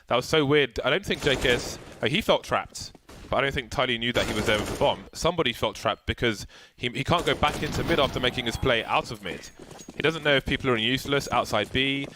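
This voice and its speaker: A man giving live play-by-play commentary on a match, with dry, deadpan banter between excited calls. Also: medium pitch, quick pace, hardly any pauses. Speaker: esports commentator. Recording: light background noise with game gunfire.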